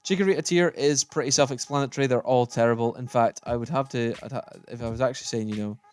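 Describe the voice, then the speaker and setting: Man, gaming video host, casual tier-list chat, opinionated, thinking aloud, mid pitch, faint music behind. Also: fast, smooth. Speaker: gaming YouTuber.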